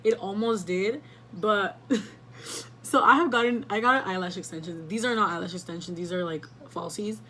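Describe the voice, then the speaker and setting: A young woman tells a storytime vlog to her camera at home, chatty and animated, dropping swear words and "like" again and again. Her voice is bright and forward. A faint hum of noise sits behind her. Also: mid-range voice, normal speed. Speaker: vlogger.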